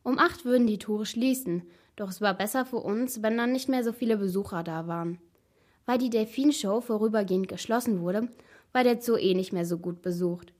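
A woman narrating a first-person storybook in a steady, tense manner. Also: mid-range voice, brisk.

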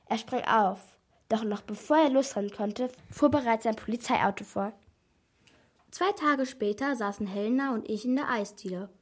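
A woman reading a children's detective story aloud, lively and lifting her voice for the characters' lines. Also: fairly high pitch, moderate pace. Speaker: narrator. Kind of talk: scripted storybook narration.

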